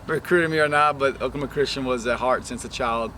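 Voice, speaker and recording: A man's voice: mid-range voice, a little fast, bright, forceful tone. Brazilian-born man, outdoor traffic noise. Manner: rambling, many restarts and "you know" fillers. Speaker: head women's soccer coach. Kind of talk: casual interview.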